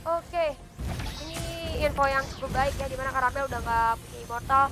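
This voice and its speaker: A woman's voice: high-pitched, little pitch movement, normal speed, over music. An Indonesian woman working as an esports caster, giving chatty, analytical commentary on a live match.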